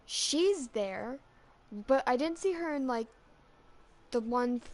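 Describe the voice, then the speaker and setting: Woman fan vlogger rambling excitedly, kinda high voice, little voice cracks cuz she's sick. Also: takes it slowly. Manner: rambling, excitable, full of "like" and restarts. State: slight voice cracks from being sick. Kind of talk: casual chat.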